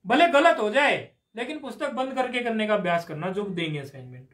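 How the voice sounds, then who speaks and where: A man's voice: high voice, expressive, a little fast, fairly bright tone. A man teaching Sanskrit grammar in a live class, explaining patiently step by step and asking his students questions. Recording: roomy echoey room.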